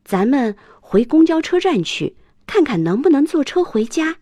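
A woman's voice: high-pitched, sing-song, moderate pace, dark tone, no room sound, pitched above the performer's own voice. A woman doing an earnest young schoolboy. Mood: eager. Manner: earnest, urgent, pleading. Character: polite, anxious young schoolboy. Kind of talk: children's storybook reading.

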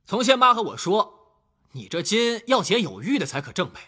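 An actor playing a hot-headed, blunt and quarrelsome young man in an audio drama, loud and blustering with a husky edge. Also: sits high, big pitch swings, normal speed, heavily acted. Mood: angry.

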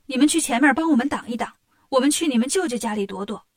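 A woman's voice: high-pitched, animated, quick pace. A woman voicing frightened, scheming spider demon women in a children's story. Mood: urgent.

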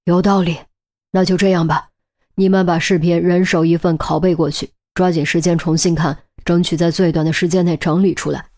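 A woman voicing an urgent, commanding male police team leader in an audiobook, giving brisk orders. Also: fairly low pitch, little pitch movement, warm tone, lightly acted.

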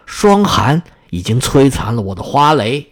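A man voicing a frost-bitten red rose tree in a fairy-tale reading, slow and mournful. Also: mid-range voice, big pitch swings. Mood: sorrowful.

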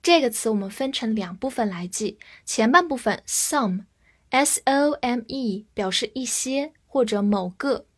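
A woman teaching English vocabulary in a structured lesson, spelling words letter by letter and reading example sentences slowly for learners to repeat. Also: fairly high pitch, expressive. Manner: clear, deliberate, spells words letter by letter and reads slowly for repetition.

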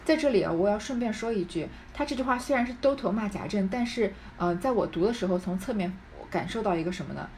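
Woman reader-commentator, mid pitch, explanatory asides, faint background noise. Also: expressive, fast talker, few pauses, darkish tone. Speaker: reader and commentator on a classic novel. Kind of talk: reading aloud with literary commentary.

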